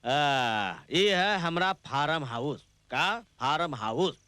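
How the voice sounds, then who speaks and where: A crude politician. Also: male voice, fairly high pitch, expressive, takes it slowly, bright, forceful tone, clean tone, no room sound, exaggerated voice. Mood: boastful. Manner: boastful, bossy, rustic speech. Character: crude lecherous middle-aged male politician. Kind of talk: Hindi film dialogue.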